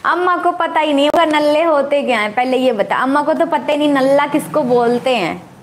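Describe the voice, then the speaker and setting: A woman's voice: high voice, fairly quick, a little hiss or hum. A middle-aged housewife hosting a casual live stream, chatting and teasing back as she reads viewer comments.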